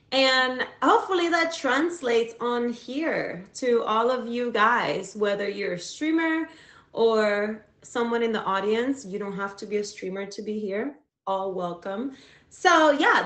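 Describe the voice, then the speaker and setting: In an echoey room, a cheerful livestream talk show host from Cuba, Spanish being her first language, keeps up casual, chatty talk full of fillers and false starts. Her voice is medium in pitch with a fairly bright tone.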